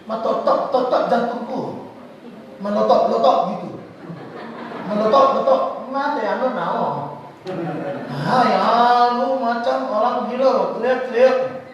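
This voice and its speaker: Guy putting on a grumbly fussy church member, lower and slower, echoey hall far off. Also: muffled recording, a little hiss or hum. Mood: scolding. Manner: grumbling, scolding, drawn-out. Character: fussy older church member scolding the pastor.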